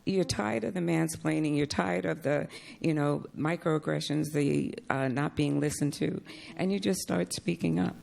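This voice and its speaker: A woman's voice: deep voice, normal speed, vocal fry, a little mellow. A woman on a discussion panel telling stories with animation and acting out quoted voices.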